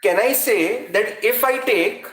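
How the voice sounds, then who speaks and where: Male teacher, Indian accent, high voice, repetitive instructional delivery, live lecture, reverberant room. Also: slow, fairly bright tone. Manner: repeats phrases for emphasis, addresses students directly. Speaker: physics teacher. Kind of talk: live online classroom lecture. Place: indoor room at a chalkboard. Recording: echoey room.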